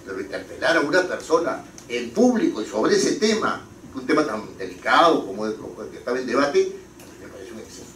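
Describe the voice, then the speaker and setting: Lively male lecturer in an echoey hall. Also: mid-range voice, brisk, far from the mic, a little hiss or hum. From Peru. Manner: lively, rhetorical questions, anecdotes. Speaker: parliamentary writing instructor. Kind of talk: classroom lecture.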